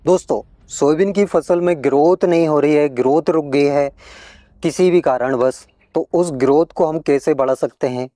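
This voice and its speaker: A man's voice: fairly high pitch, moderate pace, warm tone, no room sound, clean studio sound. A man hosting a farming advice channel, explaining crop care to farmers in a friendly tutorial way, often addressing them as friends.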